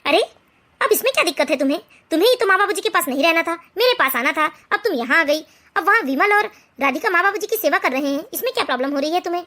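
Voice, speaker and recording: A woman voicing an exasperated husband in a cartoon, reasoning with his wife in a lowered voice. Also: lively intonation, quick pace, pushed and bright, heavily acted.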